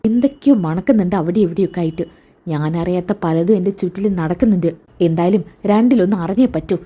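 A woman voicing a middle-aged mother who is suspicious and defiant, throwing sharp, probing retorts in a storytelling retelling of a TV serial. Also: lowish voice, fast, breathy edge.

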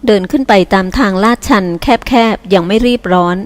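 A woman narrating a thriller novel as an audiobook. She reads steadily and evenly at a medium pitch, clear and unhurried. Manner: steady, even reading.

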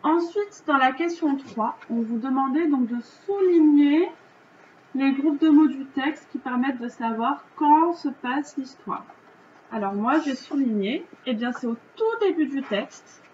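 A woman with a French accent, a teacher going through a reading lesson's answers for children in a slow, patient, step-by-step way. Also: high voice, a little mellow, lo-fi sound, slight background noise.

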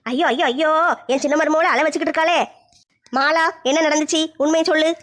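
A shrill, rapid-fire mother-in-law, played by a woman, in a comedy family skit. She scolds and accuses in a high, headlong rush. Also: steady tone, close to an everyday voice. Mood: accusing.

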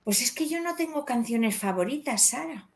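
A woman's voice: on the high side, expressive, normal speed, a little hiss or hum. A woman with a Spanish accent interviewing a guest, agreeable and reflective. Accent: Spanish from Spain. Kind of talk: casual interview talk.

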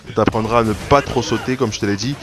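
A man talks through his online fighting game matches in loose, rambling commentary. He restarts sentences often and bursts out when something surprises him. Loud game music plays under his voice. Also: on the low side, fast talker. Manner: rambling play-by-play with frequent restarts and sudden excited outbursts. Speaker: gaming video creator. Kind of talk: casual gameplay commentary.

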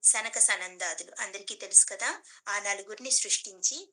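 A woman's voice: mid-range voice, moderate pace, bright, forceful tone, low-quality recording. A woman giving a devotional storytelling talk as a teacher, asking rhetorical questions and answering them.

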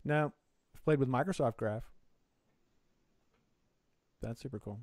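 A man's voice: mid-range voice, measured pace, a little mellow. Man heard only in the left ear. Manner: hesitant, with many fillers and restarts. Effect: audio heard in the left channel only. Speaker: co-host of a tech live stream. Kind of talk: casual chat. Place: home office.

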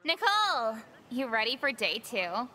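A bright, gossipy schoolgirl. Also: on the high side, expressive, normal speed. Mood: chatty. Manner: chatty, blunt, casual swearing. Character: blunt, gossipy sixteen-year-old schoolgirl. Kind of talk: video game voice acting.

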